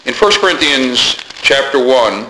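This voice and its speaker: A man preaching a sermon to his congregation in a measured way, often pausing with "uh" between thoughts. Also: medium pitch, animated, slight background noise, poor audio. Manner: measured, with frequent "uh" pauses; soft-spoken in prayer.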